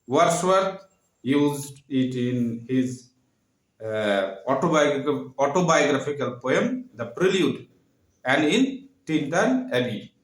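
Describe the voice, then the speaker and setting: A man teaching a literature lesson, speaking haltingly, with frequent fillers and repeated terms. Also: medium pitch, animated. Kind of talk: classroom lecture. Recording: echoey room.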